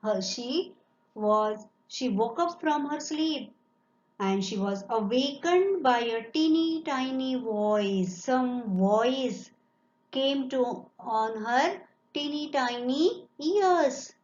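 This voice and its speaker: Woman teacher, high-set voice, slow story explainer, echoey room. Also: expressive, a little mellow. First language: Marathi. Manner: repeats phrases and explains them. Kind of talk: reading and explaining a story lesson. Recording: echoey room, dull lo-fi sound.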